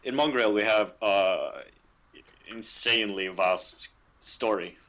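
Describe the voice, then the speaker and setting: Low-voiced man, halting and thoughtful. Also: sharp tone, a little hiss or hum. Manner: halting, many fillers, laughs often. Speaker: game developer.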